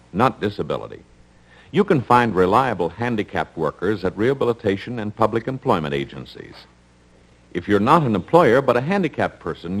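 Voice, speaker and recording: An American man with a fairly low-pitched voice hosts a radio drama, reading scripted narration in a 1950s announcer style. The audio quality is poor.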